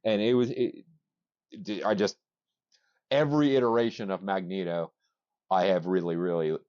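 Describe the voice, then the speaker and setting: Rambling, excited male podcast host. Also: sits low, normal speed, no room sound, muffled recording. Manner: rambling, excited, swears casually, many restarts. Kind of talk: casual chat.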